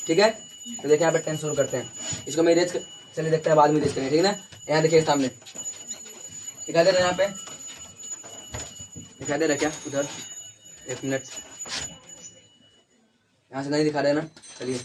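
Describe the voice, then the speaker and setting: A man's voice: on the high side, slight background noise. A man teaching an English lesson in a classroom, repeating key words and checking in with students constantly.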